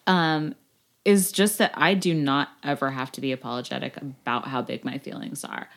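A woman's voice: rumbling low, fairly even intonation, normal speed, a bit bright. A woman co-hosting a casual podcast chat, blunt and swearing freely, laughing often. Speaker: podcast co-host.

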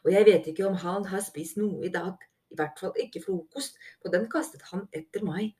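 A woman's voice: mid-range voice, dark tone, close to an everyday voice. A woman voicing a dutiful male mole guard in a fantasy audiobook, grumbling in a dry, weary way. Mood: wry.

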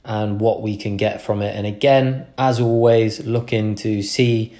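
Talking unhurriedly in a mellow, level voice on the low side, the young podcast host works through an informal motivational monologue. He's earnest but rambling, restarting often.

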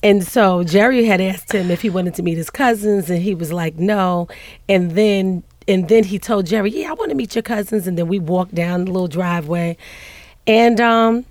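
Deep-voiced New York woman, husky. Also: moderate pace, a little mellow. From Queens, New York. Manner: laid-back, laughs often while telling a story. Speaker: guest. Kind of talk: casual storytelling chat.

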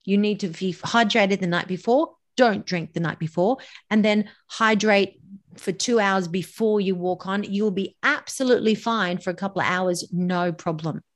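Here a voice coach in middle age is the guest on a podcast, handing out forceful public speaking advice. She talks at normal speed in a medium pitch, animated throughout and elongating words for effect.

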